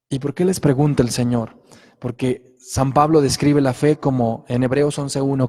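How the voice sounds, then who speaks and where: A man's voice: mid-range voice, mellow, long reverb tail. A middle-aged man preaching a sermon, telling a personal story earnestly and checking in with listeners often.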